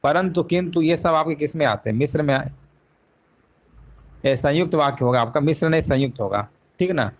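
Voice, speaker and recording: Male teacher, somewhat high voice, live online class, repeats answers, rhetorical questions, step by step. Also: brisk.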